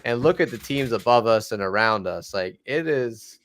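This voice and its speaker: A man's voice: medium pitch, lively intonation, moderate pace, fairly bright tone. A man co-hosting a soccer fan talk show, talking casually and earnestly, defending his team with many restarts. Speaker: podcast co-host.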